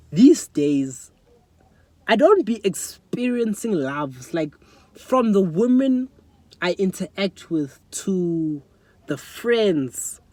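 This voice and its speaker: Young south african guy vlogging into his phone, earnest and emotional, pitch jumps around a lot, dry close sound. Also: no echo. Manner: earnest, emotional, repeats "you know what I'm saying". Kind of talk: personal reflective monologue. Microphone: phone front camera.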